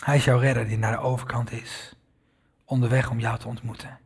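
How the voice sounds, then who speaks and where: A man's voice: medium pitch, flat delivery, brisk, vocal fry, breathy edge. A man preaching a sermon, telling a story in an earnest way and addressing the listeners directly. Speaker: pastor.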